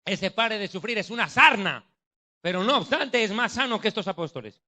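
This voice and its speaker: A male preacher delivers a sermon full of mockery and jokes. His voice is high and bright, and he lands his points with heavy emphasis. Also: big pitch swings, moderate pace. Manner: mocking, jokey, emphatic.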